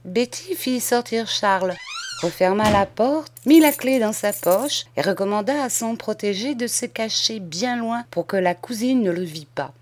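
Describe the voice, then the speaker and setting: A woman reading a classic French children's novel aloud in clear, measured narration. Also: medium pitch, expressive, darkish tone, a little hiss or hum. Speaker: audiobook reader. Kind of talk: storybook narration.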